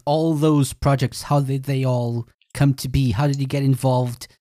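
A man's voice: medium pitch, fairly even intonation, moderate pace, warm tone. A man hosting a podcast, asking his guest brief, encouraging questions. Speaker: podcast host. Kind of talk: casual podcast interview.

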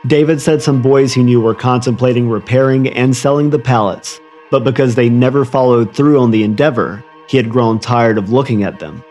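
A man's voice: mid-range voice, normal speed, few pauses, darkish tone. A man narrating a scripted true crime story in an ominous, literary storytelling manner. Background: music under the voice.

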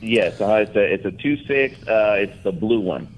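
A man telling a fishing story on a radio show, halting and full of fillers. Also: on the low side, slight background noise, poor audio. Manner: halting, many fillers and restarts. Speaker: freshwater fishing reporter.

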